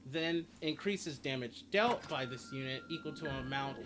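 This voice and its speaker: Here a man with a medium-pitched voice, moving at a moderate pace, narrates a casual game guide, explaining and calling out stats along the way. He makes gaming guides, and game ambience and sounds can be heard clearly behind him.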